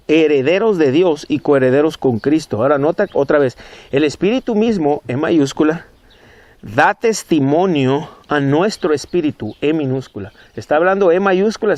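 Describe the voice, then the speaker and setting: A man's voice: on the high side, a little mellow, dry recording. A man teaching from the Bible, emphatic and repetitive, his voice jumping up on key words. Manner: emphatic, rising on key words, repeating phrases. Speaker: preacher.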